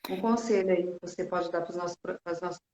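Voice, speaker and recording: A woman moderating a live interview, asking questions slowly and with some hesitation. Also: fairly low pitch, steady tone, darkish tone. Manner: slow, hesitant questions with tag questions. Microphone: video call on a live stream. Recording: roomy, dull lo-fi call audio.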